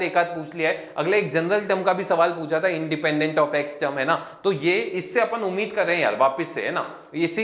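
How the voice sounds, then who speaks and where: A chatty young man explains exam questions to his students in a fairly high voice, stopping often to ask if they are following. The room echoes around him. He talks like a friendly teacher running a casual lesson. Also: a bit bright. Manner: chatty, addresses students as kids, repeats "clear hai kya".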